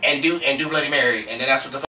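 A man co-hosting a casual couple prank vlog, talking brashly and swearing a lot in loud banter. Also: medium pitch, very fast, heavy background noise. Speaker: vlog co-host. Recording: echoey room, mic at a distance, music underneath.

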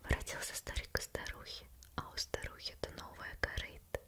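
A young woman storyteller reading a fairy tale in a gentle, measured ASMR whisper, close to the mic. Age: young adult.

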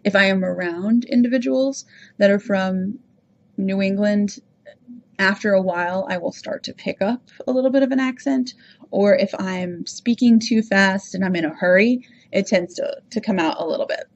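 A woman from Rhode Island, USA, with no regional accent hosts a podcast, chatting casually and self-reflectively about herself in a personal monologue. Her voice is medium-pitched and moderately paced, and the recording is muffled.

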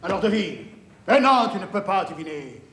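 A man playing a proud aging father whose honor has been wounded. He is grandiloquent and swings between shouting and mumbling. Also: high-pitched, very animated, normal speed, echoey room. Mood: urging. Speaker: sitcom actor playing a father in a stage parody. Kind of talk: theatrical comic acting.

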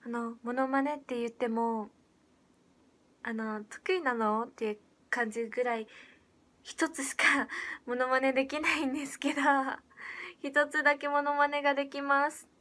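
A teenage girl auditioning for an idol group, chatting casually on a livestream and reading out viewer comments in a soft, hesitant way full of fillers. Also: high-pitched, fairly even intonation, moderate pace. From Japan.

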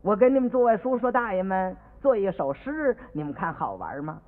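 A man voicing a cheeky, clever young schoolboy who answers softly and slowly, as if innocent, heard on an old radio recording with long reverb. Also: high voice, very animated, narrow, tinny audio. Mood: sly innocent. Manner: soft, slow, innocent-sounding replies. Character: cheeky clever schoolboy poet, sly and mild.

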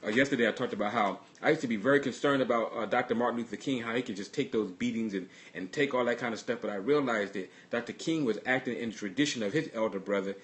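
A man pastor preaching in a casual livestreamed sermon. His voice sits in an ordinary middle register. He talks earnestly through personal stories, halting and repeating words as he goes. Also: medium pitch. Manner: earnest storytelling.

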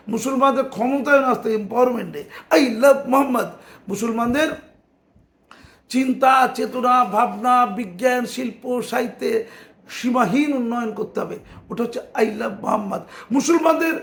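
A man giving an impassioned public speech, building on repeated rhetorical refrains, sometimes shouting and laughing wryly. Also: very high voice, vocal fry, roomy sound. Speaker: speaker giving a statement.

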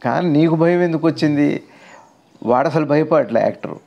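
A man's voice: on the high side, brisk, highs cut off. A man, a spiritual teacher, explains ideas in a conversational discourse, asking rhetorical questions and building long lists.

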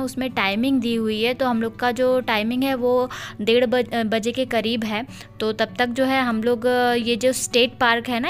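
A woman narrating a casual travel vlog, explaining the plans for the day to viewers. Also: fairly high pitch.

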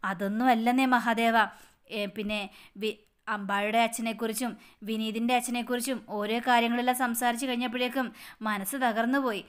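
A woman voicing a grieving older grandmother who speaks haltingly and stammers. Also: fairly high pitch, little pitch movement, smooth, lightly acted. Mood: sorrowful.

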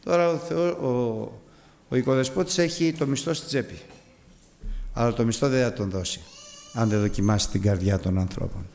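A man preaching a sermon on a Gospel passage, animated, swinging from high exclamations to low asides and acting out the voices he quotes. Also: vocal fry, in a large hall.

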